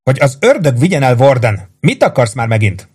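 A man's voice: mid-range voice, very animated, breathy edge, voice pushed up. A man voicing an irritable young woman, a bar waitress, speaking curtly and snappishly. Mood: irritated. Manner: curt, snappish.

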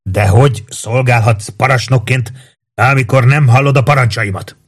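A man voicing a gruff veteran commander who barks scornful orders at exhausted soldiers. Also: mid-range voice, voice pushed up, close to an everyday voice. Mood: commanding. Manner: barking, scornful.

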